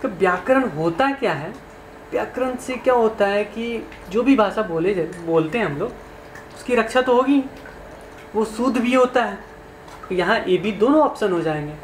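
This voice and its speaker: A man with a high, lively voice speaks at a moderate pace as he goes over exam questions conversationally, putting questions to his listeners. The room is echoey, with faint background noise.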